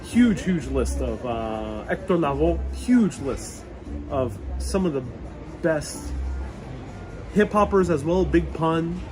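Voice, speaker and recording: A travel vlogger born in Puerto Rico and raised in New York chats casually on a live stream from a European old town, reading viewer comments aloud and riffing on them. His voice is a little high and lively, and he speaks slowly. His wireless clip-on mic captures clear salsa music playing nearby.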